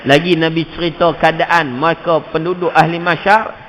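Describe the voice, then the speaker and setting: A preacher's impassioned high, bright voice. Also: male voice, level tone, normal speed, a little hiss or hum, low-quality recording. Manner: swings between loud high exhortation and low hushed pleading; repeatedly addresses the congregation directly. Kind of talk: mosque sermon.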